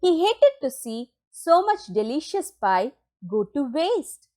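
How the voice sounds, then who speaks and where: A woman reading a children's picture book aloud in an expressive, deliberate storytelling manner with dramatic pauses. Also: high-pitched. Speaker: storybook reader.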